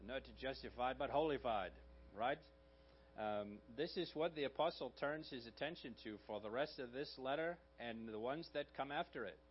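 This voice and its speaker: A slightly hoarse man preaching a sermon in a conversational way, often checking in with the congregation with quick asides. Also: medium pitch, highs cut off, slight background noise. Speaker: pastor.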